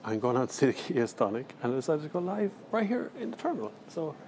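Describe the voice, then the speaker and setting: An Irish car reviewer livestreams from his handheld phone in a large indoor airport terminal, rambling jokily and slangily as he answers viewers. His fairly high, slightly mellow voice is very animated and fast, with faint terminal noise behind him.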